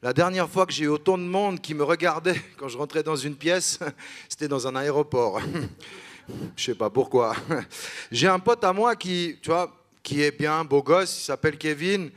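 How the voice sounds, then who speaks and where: A man doing a stand-up routine on stage, chatty and self-mocking, with quick asides to the audience. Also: on the high side, a bit bright. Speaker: stand-up comedian. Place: stage before a live audience.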